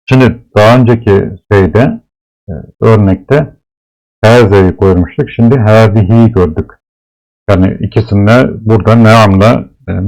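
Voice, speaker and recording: A man teaching Arabic letters, explaining slowly and patiently and repeating each sound several times. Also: fairly low pitch, darkish tone, rough recording. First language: Turkish. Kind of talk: slow classroom explanation of letters.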